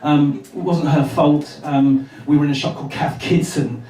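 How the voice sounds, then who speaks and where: A male stand-up comedian from England with a high voice, rambling through his set with hesitant fillers and deadpan delivery. He is recorded in a roomy club, heard from a distance with the audience around him. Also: normal speed, a crowd in the background.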